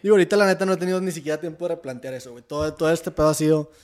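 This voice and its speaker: A man's voice: fairly high pitch, fairly even intonation, very fast. A tired young man with a Mexican Spanish accent, talking candidly on a casual podcast with plenty of slang. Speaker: podcast co-host.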